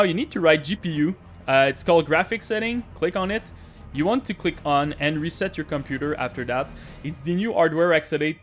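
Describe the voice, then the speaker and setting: Chatty French Canadian man, slightly high voice. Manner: chatty, repeats "really important", hesitant fillers. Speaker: gaming tech YouTuber. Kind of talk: casual screen-recorded tutorial.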